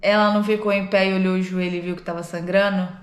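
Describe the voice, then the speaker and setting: A young woman, telling a story for her vlog. She is animated and laughs at herself, and she acts out the voices of the people in it. Her voice rings a little in an echoey room. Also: medium pitch, quick pace, background noise. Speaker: au pair vlogger. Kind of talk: casual storytelling to camera.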